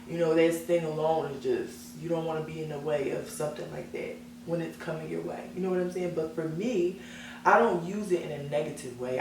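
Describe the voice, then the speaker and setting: A young woman singer, appearing as an interview guest, talks about herself in an earnest, self-assured, casual way. Her voice is deep with a darkish tone, picked up by a distant mic in an echoey room with background hum.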